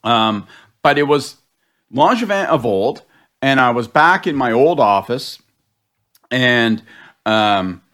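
A middle-aged man from Canada, a political panelist telling a story in casual chat, animated, self-deprecating and swearing freely. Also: medium pitch, slow pace, long pauses. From Canada (Prince Edward County, Ontario).

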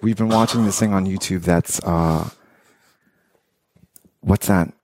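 A man's voice: low voice, fairly even intonation, a little slow, a little mellow, dry recording, clean studio sound. A man hosting a casual interview, asking curious, teasing questions and laughing often. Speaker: podcast host.

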